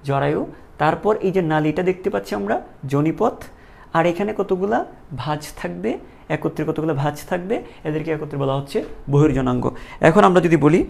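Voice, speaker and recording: Gravelly male teacher drilling terms. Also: fairly high pitch, a little fast. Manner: drills terms in call-and-response, repeating each answer. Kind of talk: classroom lecture.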